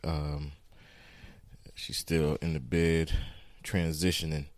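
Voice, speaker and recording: A man's voice: a bass voice, level tone, takes it slowly, dry recording. A man hosting a casual, rambling solo podcast from his home kitchen as he cooks, holding the microphone in his hand. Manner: rambling, conversational, informal. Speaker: podcast host. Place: home kitchen while frying eggs. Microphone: handheld microphone.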